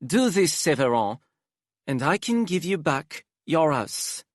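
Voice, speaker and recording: A man's voice: fairly high pitch, sing-song, slow, no room sound, studio quality, pitched above the performer's own voice, heavily acted. A man voicing a flamboyant, menacing young man who speaks in a sing-song, theatrical drawl and drops French endearments. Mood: coaxing.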